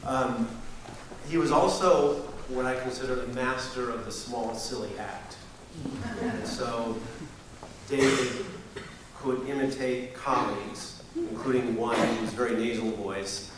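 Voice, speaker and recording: A man giving a wry, halting memorial speech full of anecdotes, often pausing to clear his throat. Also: mid-range voice. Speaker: eulogy speaker, science reporter. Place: community hall memorial gathering. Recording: echoey hall, distant mic, hiss.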